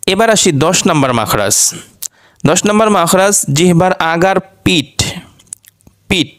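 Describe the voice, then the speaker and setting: A man's voice: high voice, expressive, unhurried, fairly bright tone, no echo, clean studio sound. A man teaching Quran pronunciation, patiently repeating each letter sound several times. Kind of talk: lesson.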